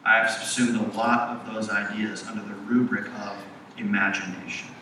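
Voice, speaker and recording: A man's voice: lowish voice, level tone. Male pastor preaching in an echoey hall. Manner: emphatic, measured preaching with dramatic pauses. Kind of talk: sermon. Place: large echoing church sanctuary. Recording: echoey hall, distant mic, background noise.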